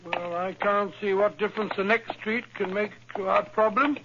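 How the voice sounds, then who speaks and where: Doctor Watson in a vintage radio play, with a high, bluff voice that grumbles and scoffs. The broadcast is muffled, with steady hiss in the background. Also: male voice, moderate pace. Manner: bluff, blustering and skeptical. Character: Doctor Watson, bluff skeptical adult male companion. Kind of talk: 1940s radio acting.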